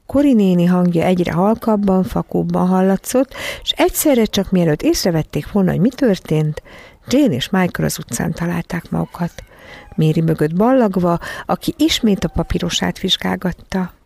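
An audiobook narrator giving a scripted storybook reading in an even, measured way. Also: medium pitch, gravelly.

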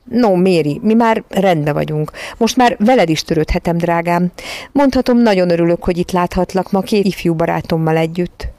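A merry old uncle from a storybook, always on the edge of laughter and wiping his eyes, as a woman reads him. The voice is low and gravelly with a mellow tone. It is recorded dry and close. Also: dry recording, close to an everyday voice. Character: jolly elderly uncle who keeps laughing.

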